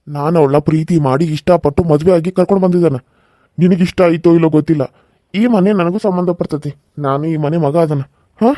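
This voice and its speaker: A man's voice: a little high, mellow, no room sound, clean studio sound, natural voice. A man with a North Karnataka Kannada accent voicing an earnest young married son who pleads and explains in a cartoon serial. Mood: firm.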